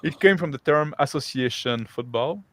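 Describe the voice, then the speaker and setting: A man's voice: on the high side, lively intonation, moderate pace, fairly bright tone, a little hiss or hum. A man chatting casually on a live stream, rambling along with lots of filler words and chuckles.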